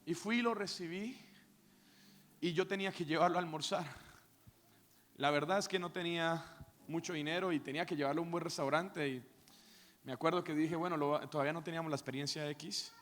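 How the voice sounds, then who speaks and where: Bright-voiced preacher man. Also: on the high side, brisk, pauses often. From Colombia. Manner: swings from quiet storytelling to shouted preaching. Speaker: pastor. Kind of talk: sermon with personal anecdote. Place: church hall. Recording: reverberant church hall.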